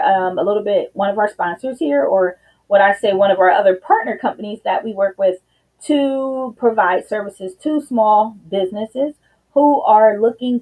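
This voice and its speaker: A woman hosts a live business stream, chatting straight to her viewers in a casual way. She sounds slightly out of breath. Her voice is mellow and a little husky. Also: medium pitch, rough recording. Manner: chatty, addresses viewers directly with "you guys". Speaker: business consultant hosting a live show.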